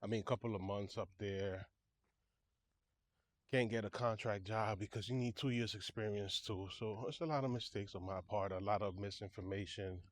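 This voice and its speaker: New dude filming himself walking in a park, kinda winded, rambly and repeats stuff, phone mic outdoors. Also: male voice, fairly low pitch, steady tone, moderate pace. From New York City. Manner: chatty, self-correcting, repeats phrases. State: out of breath. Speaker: vlogger, registered nurse. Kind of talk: casual walking vlog.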